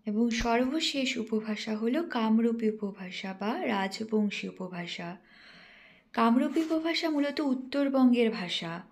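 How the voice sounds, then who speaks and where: A young woman, a teacher trainee, reading a lesson aloud in a careful, instructive way and slowing down to spell out example words. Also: on the high side. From West Bengal, India. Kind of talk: read-aloud lesson presentation.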